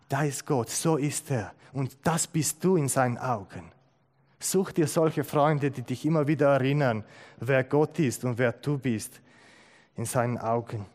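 Male preacher, high voice, unhurried emphatic sermon delivery, long hall echo. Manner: slow, emphatic, repeats key phrases.

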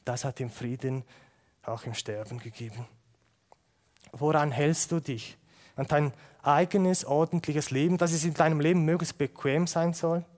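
A man delivers a sermon with earnest conviction. His voice sits a little high for a man. He swings from loud, pressing emphasis down to hushed, intense asides. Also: steady tone, moderate pace. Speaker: preacher.

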